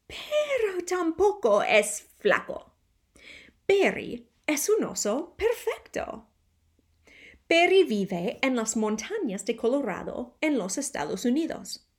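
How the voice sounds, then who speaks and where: A woman reading a children's storybook aloud for language learners, slowly and expressively. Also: on the high side. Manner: slow, carefully spelled-out, expressive reading.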